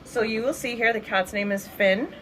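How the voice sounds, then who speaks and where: In an animal shelter's cat room, a woman trains volunteers with a patient, instructional walkthrough at a moderate pace. Her voice is soft, switching to high sing-song baby talk for the cats. The room is echoey, the mic is distant, and background noise is audible.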